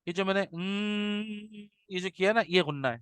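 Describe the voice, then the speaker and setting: A man teaching a recitation class, explaining patiently and often checking that students follow, and demonstrating slow nasal recitation. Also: high-pitched, a bit bright, smooth, no echo.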